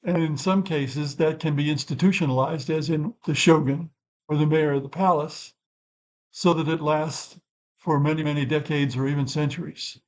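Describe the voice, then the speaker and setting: Here an older male channel host, his voice slightly high and a bit mellow, keeps a steady tone at normal speed on a low-quality recording. His explanation is unscripted and wandering, reflective in manner, and dotted with self-corrections along the way.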